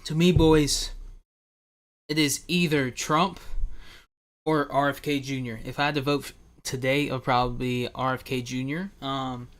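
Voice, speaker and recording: A man's voice: mid-range voice, steady tone, unhurried, fairly bright tone. A young man hosting a casual livestream, rambling to his viewers, calling them "boys" and talking loosely with many fillers and restarts. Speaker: livestream host.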